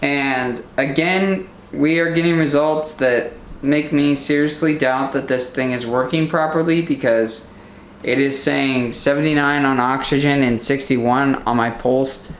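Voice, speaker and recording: A man's voice: mid-range voice, roomy sound, a little hiss or hum. A young man vlogging casually from his home kitchen, talking in a rambling, easygoing way full of fillers. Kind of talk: casual vlog chat.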